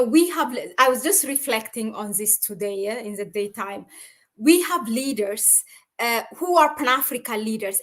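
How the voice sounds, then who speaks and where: A woman's voice: fairly high pitch, fairly bright tone. A woman co-hosting a livestream discussion, speaking hesitantly and thinking aloud with many fillers. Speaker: co-host of a Pan-African talk stream.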